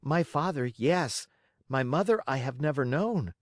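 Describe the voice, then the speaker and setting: Small wooden puppet boy, as a man puts him on, high and piercing, brave and earnest; dry, close recording. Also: expressive, unhurried, no room sound, lightly acted. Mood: pleading.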